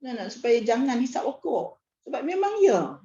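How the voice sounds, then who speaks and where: A woman's voice: high-pitched, big pitch swings, normal speed, dark tone. A woman religious teacher gives a casual hadith lesson, chatty and joking, with repeated fillers. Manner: chatty, repeats "nak, nak" as filler, jokes and laughs. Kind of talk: casual hadith class lecture. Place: prayer hall class. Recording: dull lo-fi recording.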